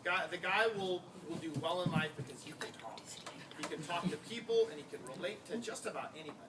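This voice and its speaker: An American man, a high school basketball coach, giving an informal tribute speech in a conversational, anecdotal way with emphatic repetition. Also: fast talker. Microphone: distant microphone. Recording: noisy, distant-miked live room recording.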